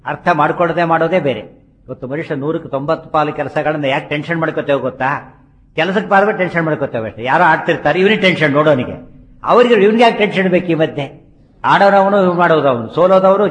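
A man giving a religious discourse, explaining scripture with rhetorical questions and slowly chanting Sanskrit verses. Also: fairly high pitch. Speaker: religious speaker.

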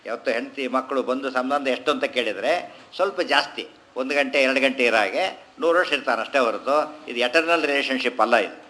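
Bright-voiced man expounding Sanskrit verses. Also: mid-range voice. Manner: chants verses slowly, then explains briskly in colloquial talk. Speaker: scripture teacher. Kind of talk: Kannada discourse on Sanskrit verses.

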